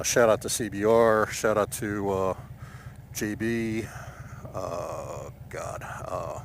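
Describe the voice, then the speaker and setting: An American man rambling casually and haltingly as a motorcycle vlogger, speaking into a microphone inside his helmet while riding. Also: fairly low pitch. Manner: halting, hesitant, searching for words. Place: outdoors on a moving motorcycle. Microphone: microphone inside helmet by the mouth. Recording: noisy helmet mic, engine and road noise.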